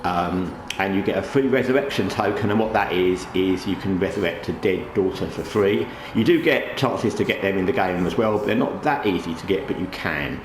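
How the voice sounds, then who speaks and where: A man's voice: low voice, brisk, hardly any pauses. A man hosting a gaming channel in casual, rambling commentary, talking with a towel over his head. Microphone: microphone under a towel draped over the head. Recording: roomy echo, faint background noise.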